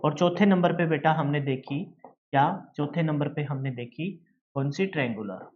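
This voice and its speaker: A man's voice: on the high side, moderate pace, dull audio. A male teacher giving a lecture, who asks questions and answers them himself and calls his students "beta". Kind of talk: classroom lecture.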